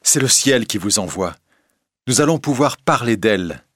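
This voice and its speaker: A man's voice: fairly low pitch, normal speed, no room sound, studio quality, pitched above the performer's own voice, close to an everyday voice. A man reading a storybook, voicing a kindly, naive old woman who talks cheerfully and candidly. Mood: joyful.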